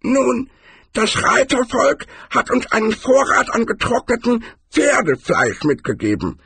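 A man voicing an old, gruff and boastful barbarian who lectures in an audiobook. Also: very high-pitched, sing-song, unhurried, fairly bright tone, no echo, voice pushed up, exaggerated voice. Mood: lecturing.

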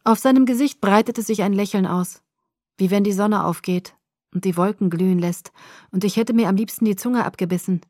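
A woman narrating a first-person story in a calm, measured audiobook reading. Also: mid-range voice, no room sound, clean studio sound.

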